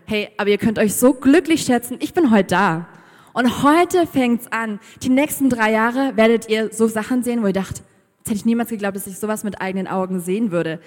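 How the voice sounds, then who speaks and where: A woman voicing an excited, cheerful young man announcing good news to wedding guests, chatty and loud, in a reverberant hall. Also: extremely high pitch. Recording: long church hall reverb.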